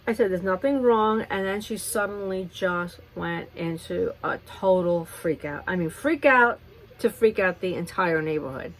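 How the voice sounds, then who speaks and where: A woman's voice: mid-range voice, low-quality recording. Chatty woman telling a story while doing makeup. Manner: rambling, animated retelling with restarts. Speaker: beauty vlogger. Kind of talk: chatty get-ready-with-me storytime.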